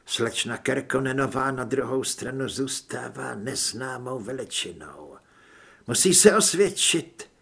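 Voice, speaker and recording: A man voicing a cold, smiling male government official who speaks politely and with quiet menace, in a husky voice. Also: medium pitch, animated, heavily acted.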